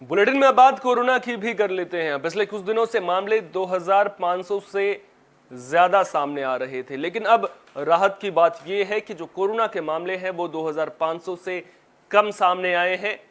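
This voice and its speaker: Reading from a script, a male news anchor with a strikingly high voice delivers a formal, presentational television-style bulletin. He talks at normal speed with a fairly bright tone.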